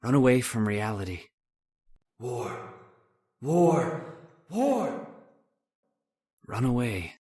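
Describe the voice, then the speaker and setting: In old-time radio horror, a man voices a haunted, obsessive chemist, domineering and bitter, whose speech is broken, repetitive and brooding. The mood is haunted and despairing. His medium-pitched voice swings widely in pitch, moves extremely slowly with frequent pauses, and is a little mellow and breathy in a full character voice.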